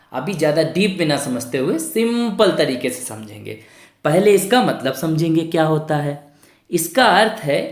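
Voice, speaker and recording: A woman's voice: deep voice, a little mellow, echoey room. A woman teaching a Hindi lesson to young children, spelling words out syllable by syllable and asking the class questions. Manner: repeats words for pupils to say along.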